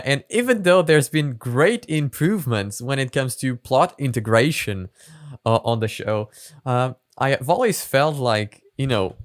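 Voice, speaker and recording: A man's voice: mid-range voice, no room sound, clean studio sound. A man hosting a reaction video, talking casually in a chatty, rambling way with many fillers.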